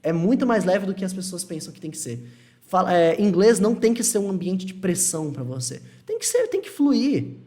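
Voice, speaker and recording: A man's voice: sits high, lively intonation, a little fast, a little mellow. A man from Brazil teaching English on a live stream, reading chat questions and answering them in a reassuring, repetitive way.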